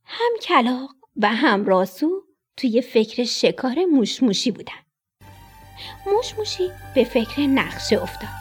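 A woman's voice: fairly high pitch, slightly rough, soft background music. A woman narrating a children's story expressively, dropping to a whisper at tense moments. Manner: expressive, dips into whispers for suspense.

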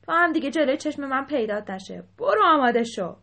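A woman voicing a proud, quick-tempered male elephant king who booms his orders. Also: expressive, creaky, sharp tone, exaggerated voice. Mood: angry. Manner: booming and domineering.

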